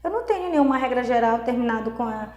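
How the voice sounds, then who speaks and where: A woman from Brazil teaching English grammar in a video lesson, explaining step by step, checking in often and reading English examples slowly. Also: fairly high pitch, animated, a little mellow, reverberant.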